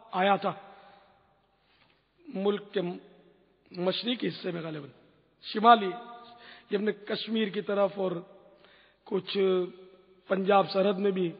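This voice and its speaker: High-voiced, husky preacher man. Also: long pauses. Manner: storytelling, earnest exclamations. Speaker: religious scholar answering questions. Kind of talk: religious question-and-answer talk. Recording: echoey hall, lo-fi recording.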